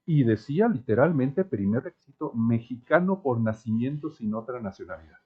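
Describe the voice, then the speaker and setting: A man's voice: medium pitch, animated, moderate pace, breathy edge. Man, panelist, wry, sarcastic, thin phone-like audio. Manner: wry, self-described cynic, sarcastic. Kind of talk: academic panel discussion.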